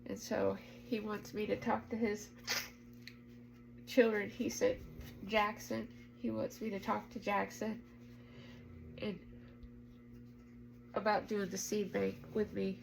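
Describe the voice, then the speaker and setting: A woman's voice: medium pitch, level tone, slow pace, gravelly, pauses often, background noise. A woman talking in an earnest, emotional way in a spiritual vlog, urging her listeners to act. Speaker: spiritual vlogger. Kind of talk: heartfelt spiritual vlog talk.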